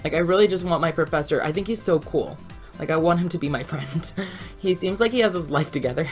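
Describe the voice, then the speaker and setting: A woman's voice: sits low, fast, soft background music. A young woman telling a chatty, rambling story as a voice-over, laughing often. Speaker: YouTuber.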